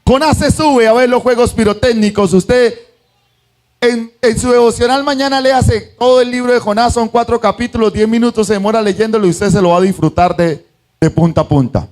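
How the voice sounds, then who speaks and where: A man's voice: very high voice, fairly quick. A man preaching a sermon as pastor, acting out voices from the story and asking his congregation questions. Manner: animated, acts out the voices of the story; asks the congregation "¿sí o no?".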